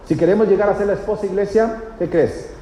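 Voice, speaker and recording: A man's voice: high-pitched, quick pace, mellow. A male pastor, teaching a sermon and often checking with the congregation. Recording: echoey church hall, faint noise.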